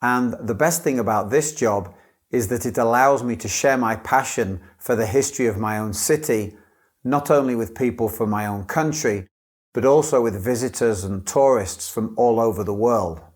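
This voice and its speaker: Speaking at a moderate pace in a mid-range voice, this male English teacher reads scripted model answers as if he were the exam candidate. His delivery is clear and careful.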